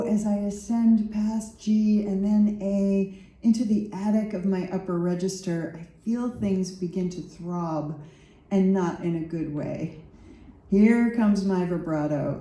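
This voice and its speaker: A woman poet reading her poems aloud at an event, unhurried and savoring each line, with chatty asides between poems. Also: mid-range voice, mellow, far from the mic. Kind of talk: poetry reading. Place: gallery event space. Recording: roomy reverb in a gallery.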